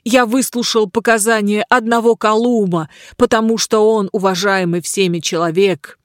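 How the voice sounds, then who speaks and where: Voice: mid-range voice, fairly even intonation, moderate pace, no room sound, clean studio sound, voice pushed up, lightly acted. A reader voicing a corrupt male judge in an audiobook, fearful and defensive in manner. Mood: desperate. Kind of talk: audiobook reading.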